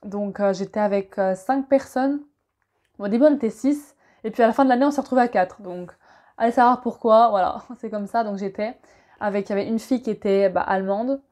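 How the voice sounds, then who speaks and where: A young woman from France telling a relaxed personal story to camera, chatty and full of fillers and asides. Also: mid-range voice, fairly quick. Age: young adult. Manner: chatty, many fillers and asides, laughs easily. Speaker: vlogger.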